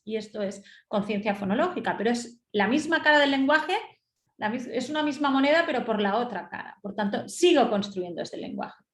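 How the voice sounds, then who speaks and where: A middle-aged woman lectures in a slightly high voice, pausing to check that her listeners follow. Her voice rings around an echoey room as she explains step by step. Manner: didactic, checks in with rhetorical "¿sí?". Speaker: teacher giving a reading webinar.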